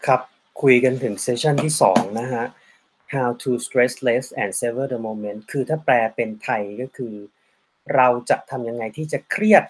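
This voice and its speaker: Male host and interpreter, mid pitch, courteous, summarizing his guest's answers. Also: unhurried, slight background noise. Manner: polite, summarizes the guest's answers and adds frequent polite particles. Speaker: interviewer and translator. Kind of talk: bilingual interview with translation.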